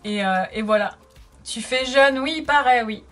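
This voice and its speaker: Woman, 30s, chatty makeup vlogger, slightly high voice, faint music behind. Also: normal speed, a bit bright. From France. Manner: chatty and bubbly, reads viewer comments aloud. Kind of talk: casual chat answering live comments.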